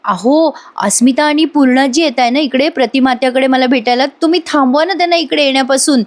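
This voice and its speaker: A woman's voice: high voice, fairly quick, voice pushed up, natural voice. A woman voicing a worried young wife who keeps urging her husband to act, read out in a serial review. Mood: anxious. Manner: worried, urgent. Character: anxious young wife, insistent.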